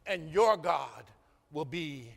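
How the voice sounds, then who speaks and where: A male preacher voicing a fiercely loyal young widow who declaims with fervor. The voice is high and bright, and the church hall's long reverb hangs after each phrase. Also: lively intonation, slow pace, gravelly, heavily acted. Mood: fervent vow. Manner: fervent, declaiming. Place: church sanctuary.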